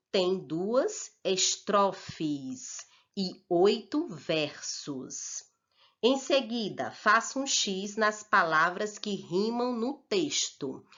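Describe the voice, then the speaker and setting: A woman teacher, slowly talking children through a worksheet and checking in with "ok?". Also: mid-range voice, fairly bright tone. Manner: slow and deliberate, checks in with "ok?". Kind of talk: slow, patient worksheet instruction for children. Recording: dull lo-fi recording.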